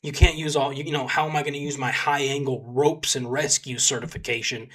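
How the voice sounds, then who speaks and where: A young man from Texas in the United States, a volunteer combat medic, tells his story casually and in a rambling way, full of fillers and animated when he quotes others. His voice is mid-range, brisk, and slightly rough.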